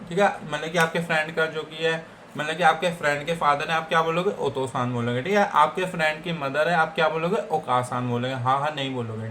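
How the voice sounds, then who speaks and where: A man's voice: on the high side, a bit bright, a little hiss or hum. Chatty Indian man teaching vocabulary. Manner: repeats each word, keeps checking in with listeners. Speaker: Japanese language teacher. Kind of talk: casual vocabulary lesson. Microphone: computer setup.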